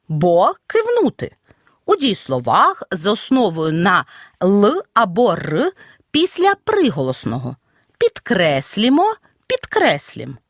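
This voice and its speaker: Lively woman teaching grammar. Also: fairly high pitch, dry recording, studio quality. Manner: lively, clearly stressing example words. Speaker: Ukrainian language teacher. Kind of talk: audio grammar lesson.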